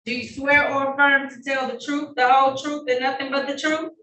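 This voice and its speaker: A woman judge running formal hearings, brisk and polite, heard in a courtroom recording. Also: high voice, level tone, pushed and bright. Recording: echoey room heard from a distance, faint noise.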